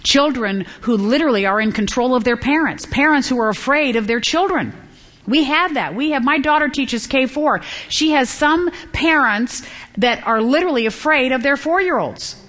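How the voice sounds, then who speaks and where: A middle-aged woman teaching from the Bible to a women's gathering, earnest and climbing high and emphatic when she stresses a point, acting out the voices of children and parents. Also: lively intonation, moderate pace, a bit bright. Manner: acts out quoted children and parents.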